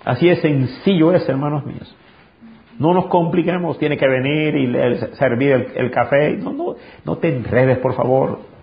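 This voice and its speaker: A male pastor preaching an impassioned sermon, swinging from high, forceful peaks down to low, intimate tones. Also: normal speed, creaky. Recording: dull lo-fi sound.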